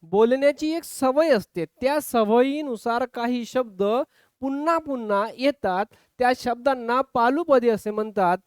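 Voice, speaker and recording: A very high-pitched man speaks a little slowly and smoothly in a studio-quality recording with no echo, leading a lively online exam-prep grammar lesson. He acts out example exclamations and keeps addressing his students as friends.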